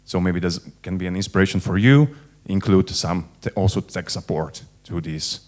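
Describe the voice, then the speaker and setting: A man from a tech company making a halting comment from the audience at a panel, with many fillers. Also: sits low, darkish tone.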